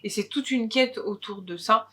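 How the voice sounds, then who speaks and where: A woman's voice: on the high side, moderate pace, fairly bright tone. A woman co-hosting a book video, chatting casually about new releases with many hesitations.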